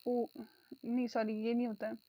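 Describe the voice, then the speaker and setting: Woman exam tutor, high pitch, dry close sound, drills answers. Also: normal speed, dry recording. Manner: addresses viewers as friends, repeats key answers. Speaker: exam prep teacher. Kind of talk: online exam-prep lesson.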